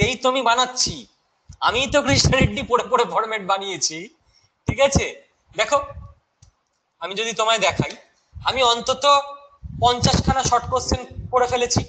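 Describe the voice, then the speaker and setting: A man's voice: high voice, sharp tone, a little hiss or hum, low-quality recording. A young man with a Bengali accent teaching a live online exam-prep class, chatty and mixing in English terms while answering viewers' questions.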